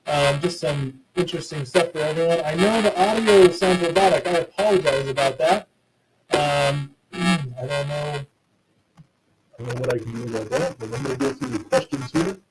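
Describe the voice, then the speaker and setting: Man with robotic low-sample-rate audio. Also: rough recording. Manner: casual, chatty, many fillers and restarts. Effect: robotic, garbled low-sample-rate audio. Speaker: school principal. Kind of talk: live online presentation to parents. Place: hot indoor office.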